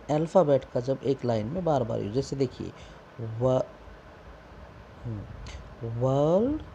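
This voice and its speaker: A man's voice: mid-range voice, vocal fry, dark tone, dull audio, a little hiss or hum. A male teacher explaining a poem line by line, reading the English and then quizzing his students in Hindi.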